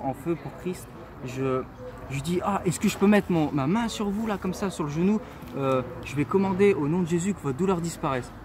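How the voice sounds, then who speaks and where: A man in his twenties from France, telling a personal faith story in an earnest, halting way with many fillers. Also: fairly high pitch. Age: 20s. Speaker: testimony speaker. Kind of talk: casual personal testimony. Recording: clear street noise behind.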